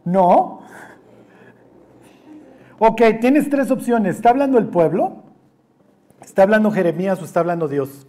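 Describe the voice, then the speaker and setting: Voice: mid-range voice, a little slow, pauses often, warm tone. A Bible study teacher, who leads an interactive class, jokes, teases the group, quizzes them and acts out quoted voices. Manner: joking, teasing, quizzes the class.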